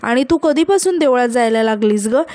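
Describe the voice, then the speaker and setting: A woman voicing a quarrelsome young woman from a family serial, answering in sharp, indignant retorts. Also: a little high, expressive, a little fast, no echo, natural voice. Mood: angry.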